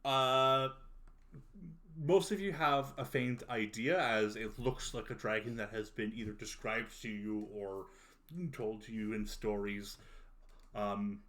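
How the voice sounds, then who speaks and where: A man's voice: fairly low pitch, a bit bright. A man acting as game master, improvising narration for a tabletop role-playing game among players.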